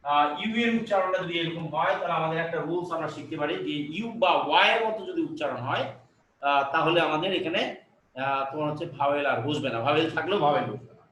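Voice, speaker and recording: A man teaching a grammar lesson at a board, halting with many filler sounds and restarts, asking rhetorical questions. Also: a little high, a bit bright, muffled recording, slight background noise. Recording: echoey room, voice from some distance.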